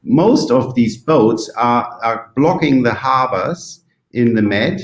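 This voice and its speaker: A man from Germany with a German accent speaks in a very roomy, echoing recording. His pitch is mid-range. He gives thoughtful interview answers haltingly, searching for English words as if translating from his native German. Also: lively intonation. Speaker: interview guest from the yachting industry.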